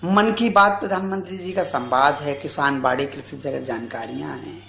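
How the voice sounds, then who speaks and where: A man in his forties, a radio guest, giving a formal tribute speech in an earnest, measured way. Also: on the high side, creaky, pushed and bright, roomy sound, a little hiss or hum. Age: 40s.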